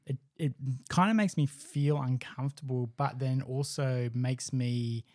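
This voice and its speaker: A man's voice: mid-range voice, unhurried, a little mellow, no echo, clean studio sound. A young man chatting casually as a podcast co-host, rambling with restarts. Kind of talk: casual chat.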